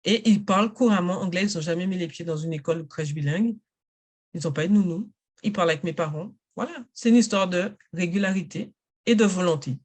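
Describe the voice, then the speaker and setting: A woman, a native English speaker, talking in a casual interview about coaching parents and adults in English, in an energetic and emphatic way. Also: fairly low pitch, fast. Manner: energetic, emphatic, self-assured.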